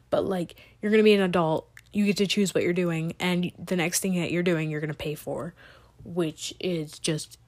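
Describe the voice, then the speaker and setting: A woman in her late teens talking alone on her podcast, chatty and scattered, full of fillers and side tangents. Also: on the low side. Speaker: solo podcaster. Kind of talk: rambling casual podcast monologue.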